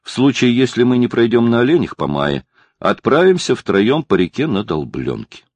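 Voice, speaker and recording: Deep guy reading a memoir out loud, lots of rise and fall, kinda husky. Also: sing-song, normal speed, no room sound. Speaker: audiobook narrator. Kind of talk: first-person memoir reading.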